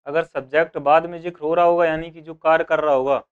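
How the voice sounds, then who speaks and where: A man's voice: a little high, steady tone, quick pace, clean tone, narrow, tinny audio. A man teaching an exam-prep grammar lesson, asking questions and answering them himself in the students' voice. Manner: asks and answers his own questions, voicing students.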